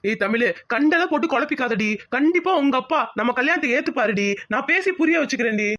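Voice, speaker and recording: Cartoon casting: a woman playing a devoted young village lover, high-voiced and fast, coaxing. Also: lively intonation, a bit bright. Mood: pleading. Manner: coaxing and pleading, affectionate. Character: lovesick young village man, devoted and pleading. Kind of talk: cartoon voice acting.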